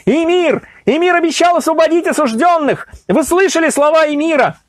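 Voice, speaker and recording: A man's voice: sits high, sing-song, moderate pace, dry recording, studio quality, voice pushed up. A man voicing a bold, defiant male trickster who speaks in a firm, ringing, declamatory voice.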